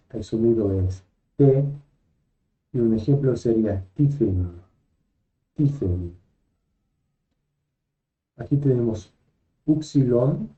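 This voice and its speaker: A man's voice: mid-range voice, dark tone, highs cut off. A man teaching a lesson, patiently naming each letter and repeating every example word. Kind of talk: slow lesson, spelling out letters and sounds.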